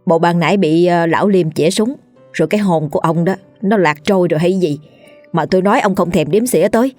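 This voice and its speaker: A woman's voice: fairly low pitch, fast, a little mellow, no echo, soft background music, lightly acted. A woman voicing a greedy, shrewish village landlord's wife who scolds shrilly. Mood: resentful.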